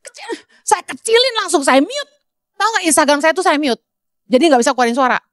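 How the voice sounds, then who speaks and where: A woman pastor preaching an animated sermon with a lilt, swinging between high, urgent exhortation and low, mock-calm asides, with humorous jokes aimed at the congregation. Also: fast, dry recording, clean studio sound. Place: church stage.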